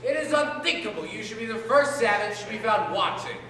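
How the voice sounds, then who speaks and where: A man's voice: high voice, lively intonation, a little fast, pushed and bright. A teenage boy in a stage play playing a pompous, easily exasperated adult son with a stiff, lecturing delivery. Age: teens. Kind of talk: high school stage play. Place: school theater stage. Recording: echoey hall from far off, faint noise.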